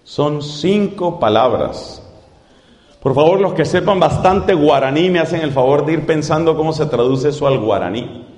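A man preaching a sermon to a live congregation, emphatic and repeating phrases slowly for effect. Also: fairly high pitch, darkish tone. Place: large church hall with audience. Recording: echoey hall with crowd noise.

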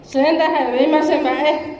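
A high-voiced woman from Paraguay answers softly and slowly from a distance in a big hall. Her voice is hesitant, with loud noise and clicks around it and heavy echo. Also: steady tone, muffled recording. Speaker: congregation member speaking Guaraní. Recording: distant in a noisy echoey hall.

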